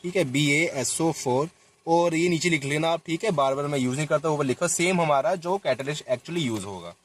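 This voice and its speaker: A young man with a fairly high, brisk voice teaches a chemistry lesson at the board, explaining a reaction, and a faint hiss or hum sits under the recording. He speaks directly to his students, repeating himself and correcting his own mistakes as he writes out formulas.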